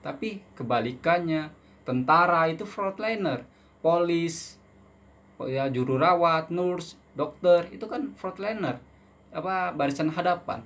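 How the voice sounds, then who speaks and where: A man's voice: on the high side, unhurried, fairly bright tone. A man in his twenties from Indonesia, hosting a casual Q&A vlog, reading viewer questions aloud and answering them in a chatty way, often ending phrases with "ya" and mixing in Malaysian words and English terms. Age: 20s.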